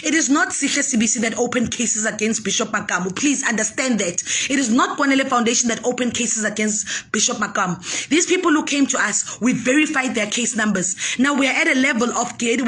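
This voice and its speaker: Woman, foundation spokesperson, high bright voice, firm and repetitive on-camera statement. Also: a little hiss or hum. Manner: emphatic and insistent, repeating key points.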